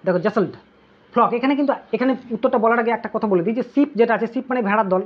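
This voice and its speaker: Tutor going over english vocab for an exam, husky breathy voice, keeps asking "okay?", sounds kinda dull and lo-fi. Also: medium pitch, fast. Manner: drills terms with constant "okay?" check-ins; asks students questions, then answers them. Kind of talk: online exam-prep lesson.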